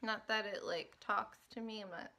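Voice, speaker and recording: A woman's voice: mid-range voice, fairly even intonation, normal speed, vocal fry, sharp tone. A young woman vlogger talking casually to camera, rambling and self-mocking, often laughing at herself.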